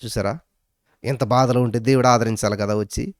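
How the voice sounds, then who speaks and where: A man's voice: fairly even intonation, brisk, no echo, studio quality. A man preaching a sermon, his voice rising and dropping sharply as he drives points home, with English phrases mixed in. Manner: preaching with sudden rises and drops in pitch and loudness. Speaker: pastor.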